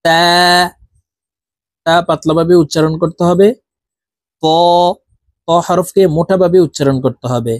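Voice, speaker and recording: A man teaching Quran reading, chanting Arabic letters one by one in long drawn-out tones for viewers to repeat. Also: on the high side, a little mellow, no echo. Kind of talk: Arabic letter pronunciation lesson.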